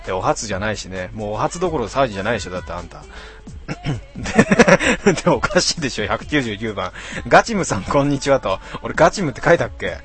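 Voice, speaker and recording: A man in his twenties, a bit tipsy, chatting casually on a live stream as he reads out viewer comments in rough, slangy, self-mocking banter. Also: on the low side, very animated, fast, fairly bright tone, faint music behind. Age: 20s.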